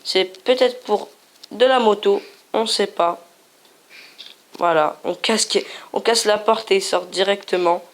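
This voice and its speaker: Slow-talking woman narrating a game. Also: medium pitch. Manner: playful, repeats herself, chatty asides. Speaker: gaming video host. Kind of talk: casual game commentary.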